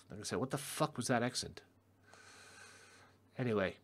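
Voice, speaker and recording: A young man doing excitable, swearing live-stream commentary over a game, talking straight to his chat viewers. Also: medium pitch, normal speed, husky.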